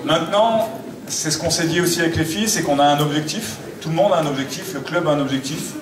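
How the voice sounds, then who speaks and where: A man's voice: fairly high pitch, fast. A man speaking as a coach, giving a post-match analysis to listeners. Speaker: basketball coach. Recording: echoey hall, distant mic, crowd noise.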